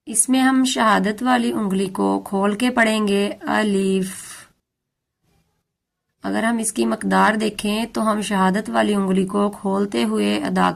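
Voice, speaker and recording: A woman teaching a beginner Quran recitation lesson, slowly and carefully sounding out letters and words. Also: medium pitch, gravelly.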